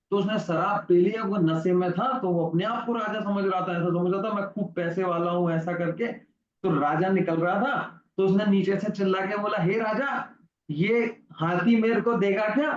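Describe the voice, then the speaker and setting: Recorded for an online class in an echoey room, the audio is muffled. A man whose voice sits high teaches kids a religious lesson through a story, asking questions and then supplying the answers himself.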